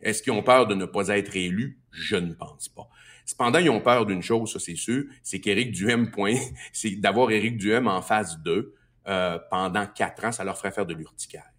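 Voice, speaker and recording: A Québécois man guesting on a political radio show, his voice low-pitched with a husky, breathy edge. He argues in an emphatic, animated way, piling up repeated phrases to push his points. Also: moderate pace. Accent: Québécois French. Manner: emphatic and animated, building arguments with repetition. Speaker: political guest, party health spokesman. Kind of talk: political talk radio interview.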